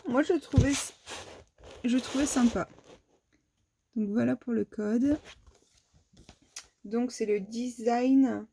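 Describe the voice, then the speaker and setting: A woman's voice: fairly high pitch, vocal fry, warm tone, a little hiss or hum. A woman from France presenting her shopping haul in a casual, hesitant way, with many fillers and restarts. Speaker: vlogger showing a shopping haul. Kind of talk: casual show-and-tell haul.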